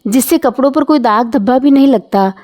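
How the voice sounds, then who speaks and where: A woman voicing a calm young working wife who argues her point patiently, in a storybook reading. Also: high-pitched, a little fast, natural voice. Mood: reasoning. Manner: calm, reasoning.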